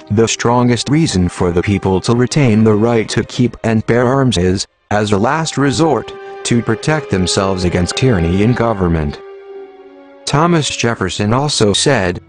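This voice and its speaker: A disguised, computer-generated male voice sits a little low in pitch. It reads a scripted manifesto as an anonymous announcer, in an even, mechanical recitation. Soft music plays faintly behind it.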